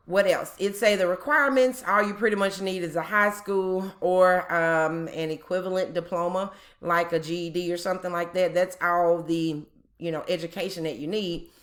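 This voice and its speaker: A woman's voice: lowish voice, fairly even intonation, moderate pace, a bit bright. A woman hosting a job-tips video, explaining in a casual, chatty way with frequent ums and repeated points. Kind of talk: casual explainer talk to viewers.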